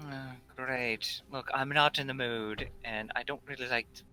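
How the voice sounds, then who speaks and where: A man's voice: medium pitch, steady tone, moderate pace, pushed and bright, poor audio. Man putting on a sassy, mock-snippy male potion seller. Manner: mock snippy, put-upon and haughty. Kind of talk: in-character tabletop role-play.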